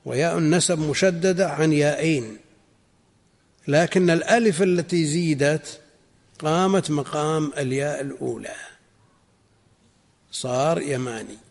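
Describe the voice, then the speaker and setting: Gravelly scholar teaching in a reverberant hall. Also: male voice, a little high. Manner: measured, explanatory, repeats phrases for emphasis. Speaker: Islamic scholar teaching a text. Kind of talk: religious lesson explaining a text.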